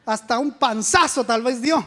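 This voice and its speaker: High-voiced woman preaching in a church. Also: normal speed. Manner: animated, asks the congregation rhetorical questions; acts out quoted speech in a dramatic way. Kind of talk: sermon. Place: church sanctuary. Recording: long church reverb.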